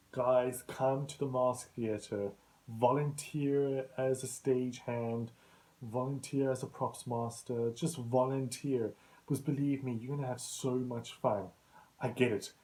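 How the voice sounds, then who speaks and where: A man's voice: mid-range voice, warm tone, low-quality recording. Chatty man telling stories. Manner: chatty, rambling, often laughs at himself. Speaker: host. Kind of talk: casual anecdotal monologue.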